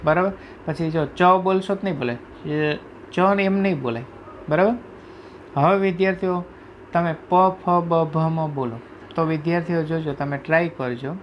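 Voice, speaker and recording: A man teaching a class, explaining sounds slowly, reciting letters one by one and often asking if students follow. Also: a little high, muffled recording, a little hiss or hum. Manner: repeatedly checks understanding with "right?". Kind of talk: classroom lecture explaining Sanskrit phonetics.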